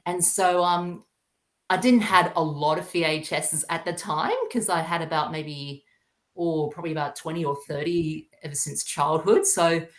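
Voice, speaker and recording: Speaking at normal speed with fairly even intonation, this young Australian man has a slightly high, fairly bright voice. He's a YouTuber chatting casually as an interview guest on a podcast, hesitant and earnest. The sound is roomy with echo.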